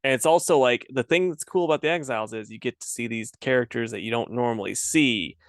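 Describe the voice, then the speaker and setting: A man co-hosting a casual podcast chat, animated and quick to laugh. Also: medium pitch, no echo, studio quality. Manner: animated, laughs a lot, puts on joking voices. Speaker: podcast co-host.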